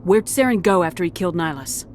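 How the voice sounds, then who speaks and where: An actress playing a blunt military commander with sarcastic, cutting remarks, over game music. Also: female voice, on the low side, expressive, fast talker, slight background noise, natural voice. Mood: stern. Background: game score music.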